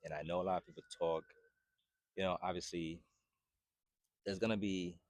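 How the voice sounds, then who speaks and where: A man's voice: low voice, steady tone, normal speed, darkish tone, no room sound, studio quality. A man in his twenties, originally from Haiti, talking casually to camera as a fitness vlogger and often checking in with "right?". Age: 20s. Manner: conversational, repeats "right?" often. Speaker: fitness vlogger and personal trainer.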